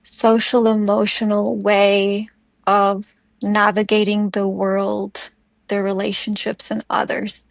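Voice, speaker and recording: A South African woman with an Afrikaans accent and Afrikaans as her first language, speaking thoughtfully and haltingly as an interview guest. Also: mid-range voice, completely flat delivery, gravelly, dry recording. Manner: thoughtful, halting, searching for words. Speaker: podcast guest. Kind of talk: reflective interview conversation.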